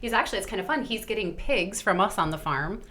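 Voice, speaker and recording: A woman's voice: medium pitch, lively intonation, pushed and bright, slight background noise. Middle-aged woman from the American Midwest, podcast host, bubbly and gushing, mid-range voice. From Midwestern United States. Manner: bubbly, gushing, quick laughs. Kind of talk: casual family chat.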